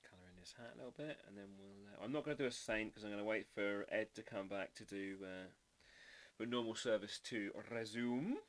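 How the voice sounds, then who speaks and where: A man's voice: lowish voice, brisk. A man hosting a live drawing stream, chatting casually and playfully while trying out foreign words. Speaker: livestream artist host.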